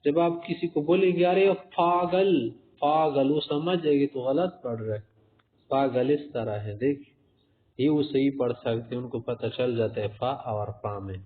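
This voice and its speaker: A man teaching a tajweed lesson, explaining letter errors with spoken examples and addressing listeners as respected sirs. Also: mid-range voice. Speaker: Quran recitation teacher. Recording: tinny phone-like recording.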